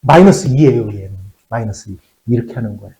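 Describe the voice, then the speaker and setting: A man teaching a math class to high school students, often repeating key words and checking that they follow. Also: animated, fast, warm tone, rough recording.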